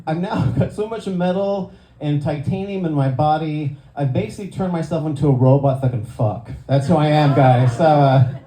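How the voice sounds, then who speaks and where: Older man doing stand-up, mellow voice. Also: fairly high pitch, normal speed. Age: 60s. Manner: self-deprecating punchlines, lively put-on voices for friends. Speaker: stand-up comedian. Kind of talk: stand-up set. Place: club stage before a live audience. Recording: echoey room, faint crowd ambience.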